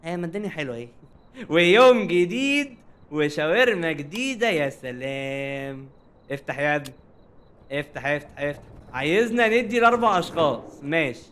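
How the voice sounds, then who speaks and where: A young man with an Egyptian Arabic accent giving jokey, animated commentary while playing a horror game and chatting to its characters. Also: a little high, brisk, slight background noise. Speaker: gaming streamer. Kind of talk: casual let's-play commentary.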